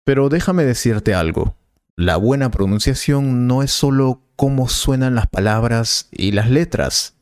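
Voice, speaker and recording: Calm male professor voiced by a man for a scripted teaching dialogue: patient, slow, dry studio read. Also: mid-range voice, clean tone, no room sound, lightly acted. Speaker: Spanish teacher.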